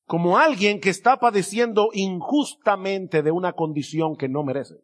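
Male preacher, high voice, emphatic sermon delivery with slowed stresses. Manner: emphatic, slows down to stress key words.

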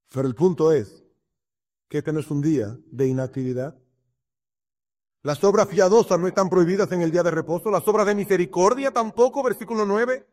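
High-voiced male pastor preaching. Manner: preaching with shifting emphasis and acted examples. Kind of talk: sermon.

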